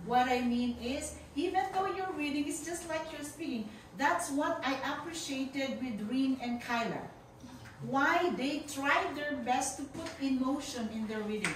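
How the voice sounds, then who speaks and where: A woman's voice: high-pitched, measured pace. A woman teacher giving encouraging spoken feedback on presentations, often checking in with her listeners. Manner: encouraging, repeats "okay" as a check. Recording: echoey noisy room, distant mic.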